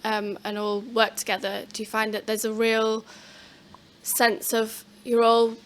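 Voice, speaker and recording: A woman's voice: a little high, monotone, a little slow. A woman asking informal, conversational questions as an interviewer.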